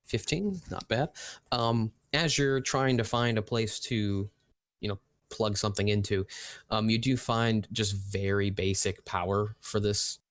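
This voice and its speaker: A man with a fairly low voice acts as game master for a tabletop role-playing game. He narrates casually and haltingly, and the recording is dry and close. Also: steady tone, dry recording.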